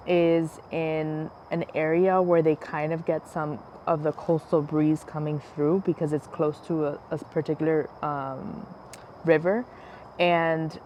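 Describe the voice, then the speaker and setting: Her low, slightly mellow voice leads a chatty, casual wine podcast peppered with "like"s and "um"s. The host is from the United States with Spanish as her first language, and an airplane passes over faint background noise.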